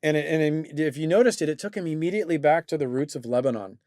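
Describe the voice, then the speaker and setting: A man's voice: fairly high pitch, fast talker, a little mellow, no room sound, studio quality. A man hosting a talk show, teaching and coaching in a reflective way with many fillers and restarts. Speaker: host and coach.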